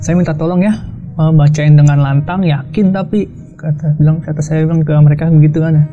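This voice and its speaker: A man telling a story of his own in a casual, hushed, halting way, often quoting himself and others. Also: on the high side, fairly even intonation. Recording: dull lo-fi sound with faint music.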